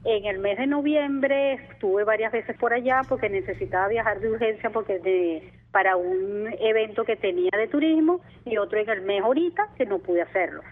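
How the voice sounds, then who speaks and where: A woman, calling in over the phone to a radio talk show and telling a long, repetitive story. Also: mid-range voice. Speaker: caller. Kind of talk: call-in complaint. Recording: tinny phone line.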